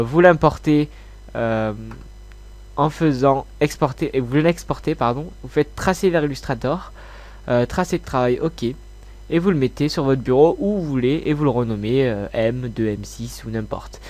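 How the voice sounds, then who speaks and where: A man with a stuffed-up nose from a slight cold, hosting a software tutorial in an informal, hesitant way. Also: mid-range voice. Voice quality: congested, blocked-nose sound. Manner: informal, hesitant, mildly sweary. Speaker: tutorial host.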